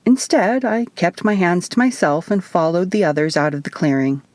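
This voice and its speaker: A woman reading her own novel aloud as audiobook narration, in a steady storytelling manner, close to the mic. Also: lowish voice, moderate pace, dry recording. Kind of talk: first-person audiobook narration.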